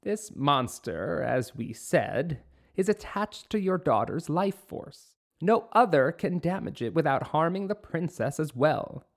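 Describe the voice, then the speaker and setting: A man voicing a wise, mysterious old witch who gives slow, solemn warnings. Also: on the high side, animated, gravelly, exaggerated voice. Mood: compassionate.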